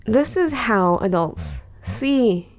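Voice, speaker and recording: A woman's voice: mid-range voice, wildly swooping pitch, slow. Woman, late twenties, podcast co-host, casual rambling chat. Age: 20s. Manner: rambling, filler-heavy.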